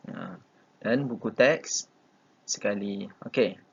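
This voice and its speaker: A man's voice: on the low side, slow, gravelly, husky, highs cut off. A man with a Malaysian Malay accent teaching a recorded online class, patient and repeating key phrases with many short fillers. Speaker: religious school teacher.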